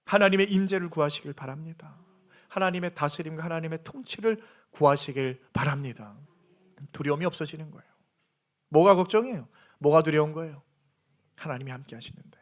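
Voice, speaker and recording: A man's voice: a little high, fairly quick. A man preaching a sermon as pastor of his church, earnest, with repeated rhetorical questions to the congregation. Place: church sanctuary.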